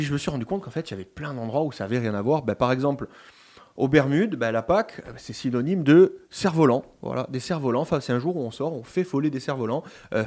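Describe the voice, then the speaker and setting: A man delivering his segment on a radio talk show at an ordinary pitch. He talks in a chatty, roundabout way, restarting his sentences and filling pauses as he goes. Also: a little mellow. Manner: chatty, digressive, many restarts and fillers. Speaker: radio columnist.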